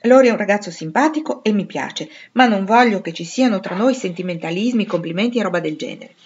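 A woman voicing a blunt, tomboyish teenage girl, brisk and emphatic. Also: mid-range voice, lively intonation, husky, lo-fi sound. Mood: brusque.

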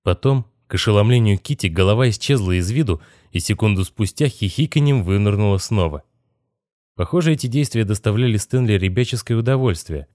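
A man narrating an audiobook in a measured, even storytelling manner. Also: lowish voice, no room sound, clean studio sound. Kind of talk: scripted narration.

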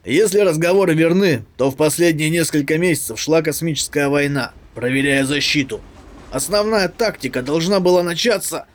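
A man's voice: on the high side, moderate pace, close to an everyday voice. Narrator playing a blunt, questioning male private in an audiobook.

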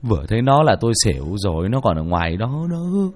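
A man's voice: fairly low pitch, big pitch swings, quick pace. A man voicing a frightened old male farmer who stammers and wails about a ghost. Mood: shaken stammering. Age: older.

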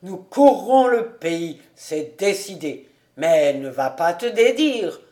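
Reader putting on an exuberant stout tax collector for an audiobook: booming, exclaiming, takes his time. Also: animated, slow, darkish tone. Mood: jubilant. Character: jovial stout middle-aged male tax collector. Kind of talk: audiobook character reading.

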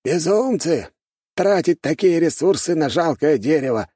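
A greedy old elder , played by a male narrator, grumbles in a husky voice set well above the narrator's own. He sounds envious and impatient. The recording is dry and close. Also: fairly high pitch, animated, a little slow, mellow, no echo, pitched above the performer's own voice. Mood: grumbling.

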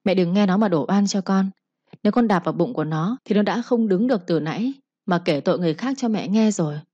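A woman's voice: medium pitch, fast, dark tone, no echo, muffled recording, close to an everyday voice. A woman voicing a proud young wife who defends herself indignantly. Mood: pleading.

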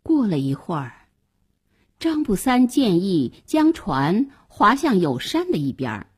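A woman narrating a children's story slowly and expressively. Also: mid-range voice, very animated, breathy edge.

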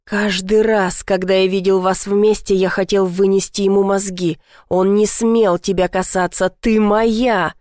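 An obsessive, possessive male kidnapper who speaks with fervent, drawn-out insistence, as a woman narrator voices him. His voice sits at a middle pitch and sounds dry and close. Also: little pitch movement, darkish tone, no echo, close to an everyday voice. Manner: fervent and possessive, slow in outbursts.

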